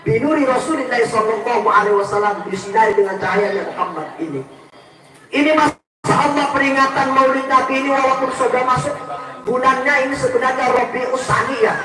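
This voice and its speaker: A man preaching to a village gathering, telling stories and speaking straight to the audience in a lively way. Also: very high voice, a little fast, very echoey, distant mic, crowd noise, rough recording. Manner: lively, addresses audience directly. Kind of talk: storytelling sermon. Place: village religious gathering outdoors.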